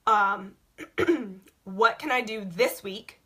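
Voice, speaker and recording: A young woman talks her team through goal-setting, blunt and chatty, tacking "okay?" onto her points. Her voice is bright but husky and wearing hoarse. She sounds like a leader coaching people she knows. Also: mid-range voice, drawn-out words. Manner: frank, repeats "okay?" often. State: voice going hoarse. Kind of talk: casual instructional talk.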